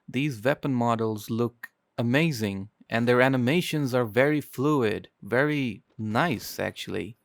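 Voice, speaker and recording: A man's voice: medium pitch, no room sound. A man narrating a scripted video essay as a game reviewer. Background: music.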